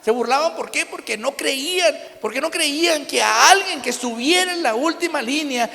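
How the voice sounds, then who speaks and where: A man with a Mexican Spanish accent preaches a sermon, his voice set unusually high. He keeps addressing the congregation as brother and circles back through restarts and little tag questions. The sound rings with a long reverb from the church hall. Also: lively intonation, moderate pace, creaky, bright, forceful tone. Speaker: pastor.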